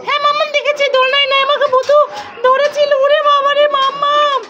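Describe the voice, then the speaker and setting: A woman voicing a small scared boy in a high, childish whine. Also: flat delivery, fast, lo-fi sound. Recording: noisy home recording.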